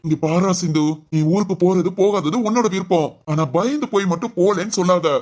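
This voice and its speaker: Caring middle-aged dad, woman plays him, fast soothing talk, keeps reassuring his daughter. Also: fairly low pitch, background noise, close to an everyday voice. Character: caring middle-aged father, gentle and encouraging. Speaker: father in a family drama. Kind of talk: amateur village family drama.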